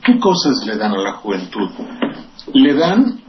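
A man's voice: fairly low pitch, very animated, a little slow. An older man from Veracruz with a Mexican accent, giving rambling, sardonic and profane political commentary as a radio host. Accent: Mexican Spanish. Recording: distant, dull lo-fi radio recording with faint hiss.

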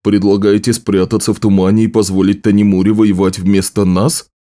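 Anxious harbor master, read by a man: low, mellow, pleading. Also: flat delivery, a little fast, lightly acted. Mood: worried. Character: worried middle-aged male harbor master. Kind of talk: audiobook role reading.

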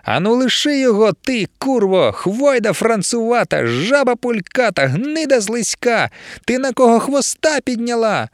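A man's voice: medium pitch, lively intonation, fast, dry recording, clean studio sound, close to an everyday voice. A man voicing a feisty, scolding female dwarf in an audiobook. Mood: shrieking. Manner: shrieking, scolding.

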